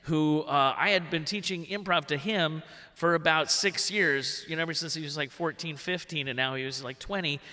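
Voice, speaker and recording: A man in his forties telling a funny true story on stage, in an animated way that jumps into big voices for the quotes. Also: fairly high pitch, moderate pace. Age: 40s. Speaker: workshop storyteller. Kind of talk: live comic personal storytelling. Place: stage in a theatre hall. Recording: long hall reverb.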